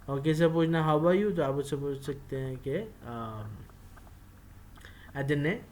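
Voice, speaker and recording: Pakistani man lecturing with halting fillers. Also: medium pitch, a little mellow. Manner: mixes Urdu with English phrases, many filler pauses. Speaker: university lecturer. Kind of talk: classroom lecture.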